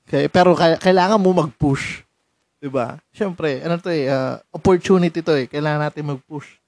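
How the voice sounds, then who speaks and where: A man's voice: fairly high pitch, moderate pace, darkish tone, dry recording. Chatty young Filipino man, dry mic. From San Mateo, Rizal, Philippines. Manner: chatty, laughs often, switches between Tagalog and English. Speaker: podcast host. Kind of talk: casual podcast chat.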